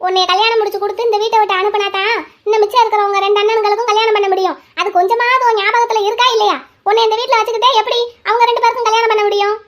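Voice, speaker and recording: A woman voicing a stern, sharp-tongued old grandmother in a cartoon, lecturing her granddaughter. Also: very high voice, steady tone, racing. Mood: scolding. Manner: lecturing, scolding. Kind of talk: Tamil cartoon voice acting.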